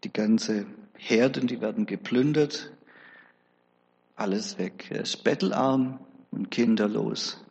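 A man preaching a sermon, telling the story in a lively, chatty way with conversational asides. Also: on the low side, takes it slowly, gravelly, slightly rough, big-room sound, lo-fi sound.

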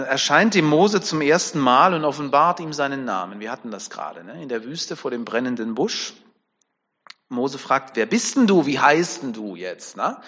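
A man's voice: mid-range voice, fairly bright tone, long reverb tail. A man preaching a sermon in a conversational way, often checking in with the congregation through tag questions.

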